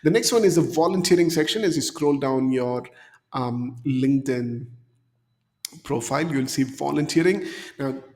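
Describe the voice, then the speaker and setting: A man's voice: mid-range voice, normal speed, darkish tone, in a large hall. Upbeat man coaching over a screen share. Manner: upbeat, coaxing, repeats "okay?". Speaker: career coach. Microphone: desk mic in frame.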